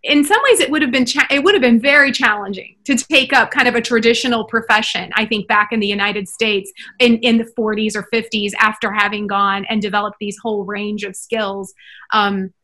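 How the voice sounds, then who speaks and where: Bright-voiced reflective woman. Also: medium pitch, fairly even intonation, fairly quick. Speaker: panel guest. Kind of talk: conversational panel discussion.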